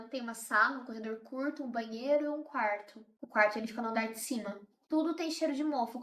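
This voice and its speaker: Fast, tense woman storyteller. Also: high voice, fairly bright tone, roomy sound. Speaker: horror channel host. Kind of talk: first-person horror story reading.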